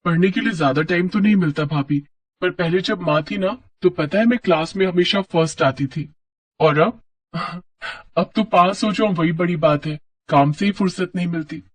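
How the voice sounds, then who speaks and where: Guy doing a scared lil schoolgirl, stammers, husky voice, far mic. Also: high-pitched, moderate pace. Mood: timid. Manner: stammering, fearful. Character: timid young sister-in-law, a schoolgirl.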